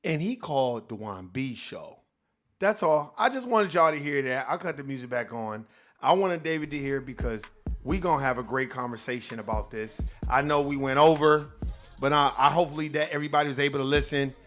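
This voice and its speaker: A man's voice: mid-range voice, a little fast, fairly bright tone, soft background music. A man hosting his own channel, ranting in a heated, profane and emphatic way, with speech. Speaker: host. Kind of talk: casual rant to viewers.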